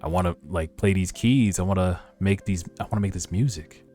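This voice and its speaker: Background music runs under a man's low, darkish voice as he streams a webtoon reading. His reaction commentary is brisk, casual and slangy, with some swearing.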